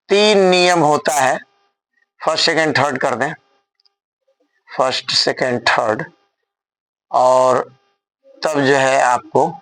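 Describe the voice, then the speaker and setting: A male teacher gives a blackboard grammar lesson, spelling every word out letter by letter. His voice sits a little high and he talks very slowly, pausing so students can copy. The recording is close and dry. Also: a bit bright, dry recording, rough recording. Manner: spells words out letter by letter, speaks slowly for dictation. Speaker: English teacher.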